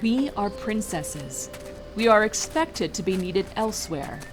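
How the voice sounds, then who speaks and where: A woman playing a gracious, serene royal pony princess with a formal, measured manner in a fan fiction audio drama. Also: medium pitch, expressive, lightly acted. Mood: calm, thoughtful. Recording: music behind the voice. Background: music.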